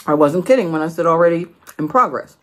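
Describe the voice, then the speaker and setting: A woman's voice: low voice, animated, fast talker, a bit bright. A woman hosting a mukbang eating video, talking casually and playfully straight to her viewers between bites. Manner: chatty, playful, addresses viewers directly. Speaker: mukbang host. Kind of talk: casual eating vlog chat.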